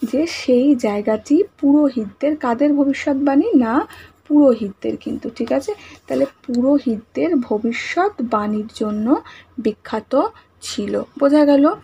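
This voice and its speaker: A woman teacher with a slightly high voice walks the class through answers, speaking softly because talking is hard today. She repeats each answer and checks that the children follow. Faint noise hums in the background. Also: unhurried, dull audio. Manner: patient, repeats answers and asks the class questions. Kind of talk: online class lesson.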